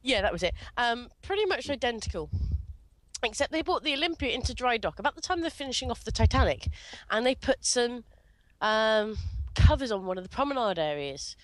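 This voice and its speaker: A woman's voice: a little high, very animated, fairly quick, dry recording. A woman with a cold talking on a headset, telling a story in a rambling, self-correcting way during a casual online chat. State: has a cold. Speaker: podcast co-host.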